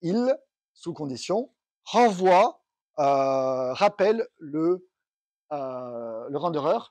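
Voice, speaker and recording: A man's voice: on the high side, expressive, very slow, darkish tone, dry recording. A man giving a technical conference talk, explaining step by step and thinking aloud with restarts. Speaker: conference speaker. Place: conference room.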